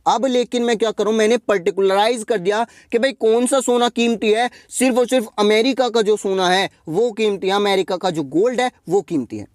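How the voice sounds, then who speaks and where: A man teaching an English grammar lesson for exam preparation, asking questions and answering them himself, repeating key points and reading example sentences slowly. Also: sits high, no echo, studio quality.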